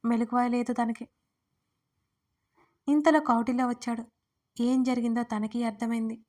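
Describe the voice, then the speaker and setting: A woman telling a romance audiobook in the first person, her voice fairly high. Her reading stays level, with little lift or fall. She tells it in a heartfelt, tearful way. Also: flat delivery, measured pace, darkish tone. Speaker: storyteller and writer.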